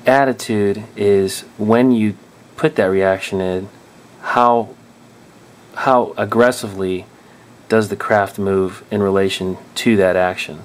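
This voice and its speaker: A man's voice: fairly low pitch, steady tone, slow. A man explaining drone control settings in a casual tutorial, thinking aloud and often restarting or correcting himself. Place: indoors at a table.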